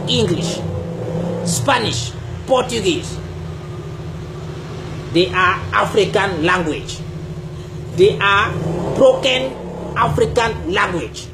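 This man, whose first language is Bassa, is a YouTube creator giving a direct-to-camera talk on spirituality from a sofa in a small room. He has a high voice and speaks slowly, with deliberate emphasis and plenty of gestures, against a noisy background.

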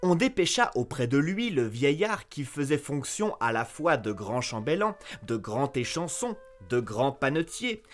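A man with a slightly high voice reads a fairy tale aloud like a storyteller, his expressive narration lifting sharply on key words.

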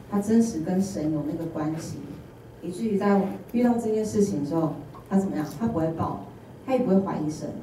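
A woman with a Taiwanese Mandarin accent delivers a sermon with mellow, low warmth, bringing it to life through funny personal anecdotes. Her voice comes from a distance across a very echoey church hall, with faint ambient noise underneath. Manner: animated storytelling with humorous personal anecdotes and acted-out dialogue. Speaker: intern preacher. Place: church sanctuary.

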